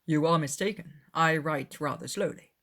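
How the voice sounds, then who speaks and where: Period audiobook role: woman as aloof gentleman, formal, clipped, unconcerned, slightly low female register. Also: normal speed, creaky, full character voice. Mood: cool, curt. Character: aloof, proud young gentleman.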